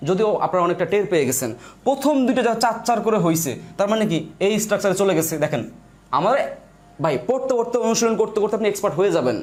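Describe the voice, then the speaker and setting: A man teaches a live online lesson in a high voice and at a fast clip. He goes step by step and says his points again and again. He calls his viewers "brother" as he talks to them. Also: expressive, a little mellow.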